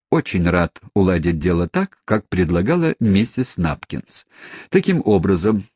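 A man narrating a classic novel as an audiobook in an expressive, theatrical manner. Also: fairly low pitch, breathy edge, no echo, studio quality. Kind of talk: scripted narration.

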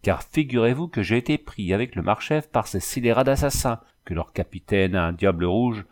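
A man's voice: lowish voice, lively intonation, moderate pace, close to an everyday voice. A man voicing a boisterous, flirtatious former cavalry soldier who talks in boastful, rattling exclamations. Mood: excited.

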